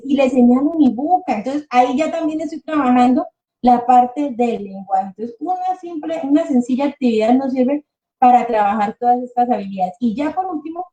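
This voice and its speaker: Speaking in a high-pitched voice with a dark tone, this speech therapist patiently guides parents and teachers through a webinar, pausing her pace to demonstrate words the way she does with kids.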